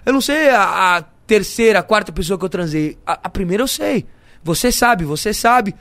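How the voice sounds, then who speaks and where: A man's voice: high voice, lively intonation, normal speed, a bit bright, no echo. A young Brazilian man telling candid stories as a guest in a casual podcast chat, full of slang and laughter. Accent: Brazilian Portuguese. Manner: candid, laughing storyteller who fills his talk with slang.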